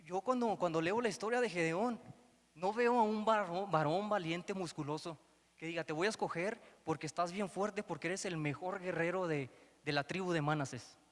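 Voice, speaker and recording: A man's voice: high voice, normal speed. A man preaching a sermon, telling a Bible story and acting out its dialogue. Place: church hall. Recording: long hall reverb.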